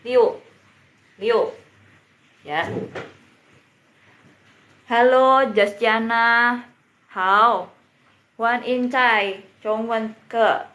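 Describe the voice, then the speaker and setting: Slow, patient woman teaching in an echoey room. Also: fairly high pitch, fairly even intonation, sharp tone. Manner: patient, repeats words and drills pronunciation. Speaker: Mandarin teacher. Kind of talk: live-streamed beginner language lesson.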